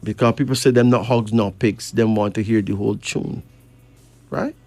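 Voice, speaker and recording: A man's voice: lowish voice, steady tone, normal speed, warm tone, no echo. A man from Barbados, chatting and reading cards, emphatic with rising questions. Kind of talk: casual chat and card reading.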